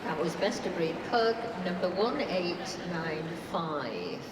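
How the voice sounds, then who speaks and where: A lower-voiced woman announces winners slowly and deliberately over a hall system. She sounds far from the mic, with long, booming reverb and steady noise behind her. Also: crowd noise. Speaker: ring announcer. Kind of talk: public announcement.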